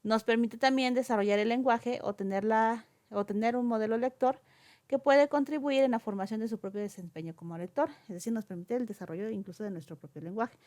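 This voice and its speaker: A woman's voice: a little high, brisk, darkish tone. A woman lecturing on oral communication, explaining step by step with frequent fillers and checking questions. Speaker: teacher.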